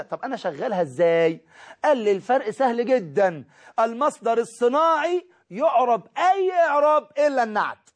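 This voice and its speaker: A man with an Egyptian Arabic accent teaching a recorded grammar lesson, lively, asking questions and answering them himself. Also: very high voice.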